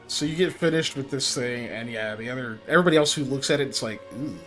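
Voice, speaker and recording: A man's voice: medium pitch, fast, fairly bright tone, soft background music. A man acting as game master, casually narrating and refereeing a tabletop role-playing game.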